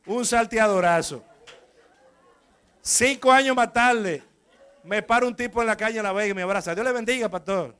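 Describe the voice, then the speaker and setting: A male pastor with a Dominican accent, preaching a sermon full of lively anecdotes and chatting with the congregation. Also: high-pitched, moderate pace, pauses often, smooth. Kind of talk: storytelling sermon.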